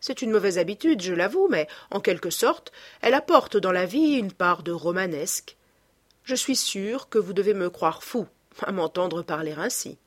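A woman reading aloud as a young male painter, earnest and emphatic, guarding a secret. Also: lowish voice.

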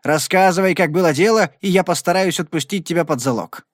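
A stern, gruff sheriff with a gray mustache, as a male audiobook reader voices him, demanding and firm. His voice sits a bit high for a man, and the recording is dry and close. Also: a little fast, no echo. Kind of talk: audiobook reading.

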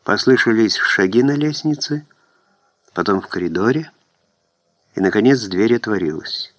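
Man narrating with a low, dry voice. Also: animated, moderate pace, a bit bright, no room sound. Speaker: audiobook reader. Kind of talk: scripted narration.

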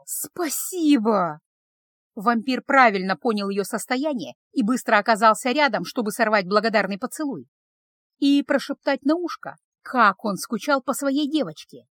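A woman narrating an audiobook story in an even, expressive reading. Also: a little high, normal speed, no room sound, studio quality.

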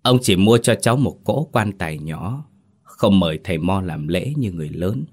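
A man hosting and narrating a scripted horror story in a steady, measured way. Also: low-pitched, breathy edge. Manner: steady, measured storytelling with hesitant asides in the intro. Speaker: host and narrator.

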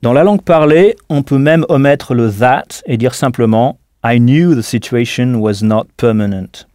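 Patient and calm, this male language teacher records an audio lesson in a mellow, dark, mid-range voice. He spells words out letter by letter and stops to cue the listener, recorded close in a studio with no echo.

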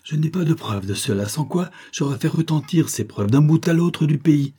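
A man's voice: on the high side, expressive, moderate pace, warm tone, husky, pitched above the performer's own voice. A man voicing a frantic, grieving young woman who bitterly accuses and pleads. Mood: anguished.

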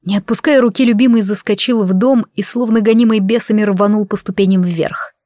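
A woman reading a fantasy audiobook aloud in steady scripted narration. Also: medium pitch, fairly quick, no room sound.

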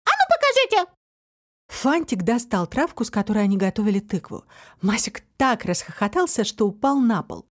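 A woman's voice: mid-range voice, animated, fairly quick. A woman narrating a children's story, reading it aloud expressively.

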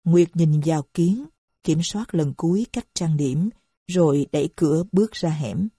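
A woman reads a novel aloud in a steady narration, with a low, dark and husky voice. The recording is dry and close, with no room sound. She breaks off at times to read explanatory notes. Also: measured pace, no echo. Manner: steady reading with added footnotes. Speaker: audiobook narrator. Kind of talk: storytelling narration.

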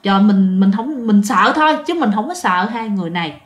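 A woman's voice: mid-range voice, animated, dull audio. A woman tells a ghost story in a chatty, casual way, speaking straight to her listeners. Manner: chatty, addresses listeners directly, frequent drawn-out particles. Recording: roomy echo.

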